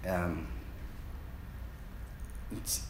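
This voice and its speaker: Speaking very slowly, a man preaches in a relaxed, joking style, acting out the Bible characters as he tells his listeners a story. He's animated and playful. The recording is reverberant, with slight background noise.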